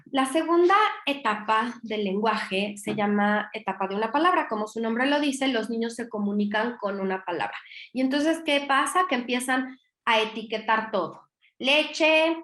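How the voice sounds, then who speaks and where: A woman with a Mexican accent giving a virtual conference lecture in an explanatory way, often checking in with quick tag questions and fillers. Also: mid-range voice, a bit bright, echoey room. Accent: Mexican Spanish. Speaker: lecturer on child language development.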